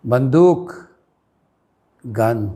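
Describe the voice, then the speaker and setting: A man with an Indian accent teaching an English pronunciation lesson, pairing words and spelling them out letter by letter in a deliberate way. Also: mid-range voice, expressive, dark tone.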